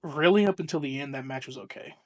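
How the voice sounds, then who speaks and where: Excitable young guy, rambling. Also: a little high, quick pace. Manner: rambling, excitable, swears freely, lots of restarts. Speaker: podcast co-host. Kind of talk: casual chat.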